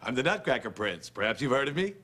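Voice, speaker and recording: An actor playing a breezy, self-assured toy-soldier prince in a television comedy sketch. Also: male voice, medium pitch, big pitch swings, fast talker, bright, forceful tone, slight background noise. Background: music.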